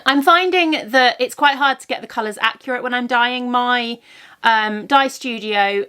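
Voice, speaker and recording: Her voice runs high, pushed and bright, with a clean tone. A woman in her thirties who vlogs and dyes yarn, she's nursing a cold that leaves her slightly congested and with a blocked ear, and she talks casually, rambling through lots of ums and self-corrections.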